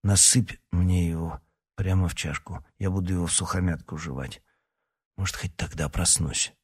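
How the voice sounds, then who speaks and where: A man reading an audiobook, voicing a drowsy teenage boy with a hoarse, deadpan way of talking. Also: low-pitched, moderate pace.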